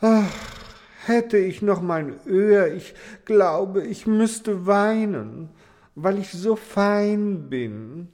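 A man's voice: high voice, animated, very slow, a little mellow, full character voice. A man voicing a vain, haughty female darning needle in a fairy-tale audiobook, prim and self-important.

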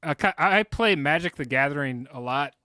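A man's voice: fairly high pitch, animated, normal speed, pushed and bright, no echo, clean studio sound. A man in casual conversation with friends, using loose frat-bro slang and a lot of swearing. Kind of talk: casual chat among friends.

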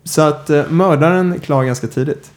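A man hosting a podcast, telling a true-crime story in a casual way, often pausing on filler sounds. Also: on the high side. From Sweden. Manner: hesitant, many filler "eh"s. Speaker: podcast host.

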